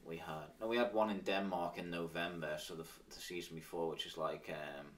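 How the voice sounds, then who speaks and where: Low-voiced Manx man, chatting casually. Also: steady tone, a little fast, recorded from a distance. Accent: Manx, Isle of Man. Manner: informal, with frequent "sort of" and "like". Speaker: interview guest, former professional cyclist. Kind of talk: casual interview reminiscence.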